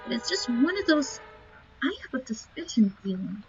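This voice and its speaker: A woman with a fairly high voice and wide pitch swings records a game playthrough, musing aloud in short casual remarks at a moderate pace. The lo-fi capture sounds muffled, with game music behind her.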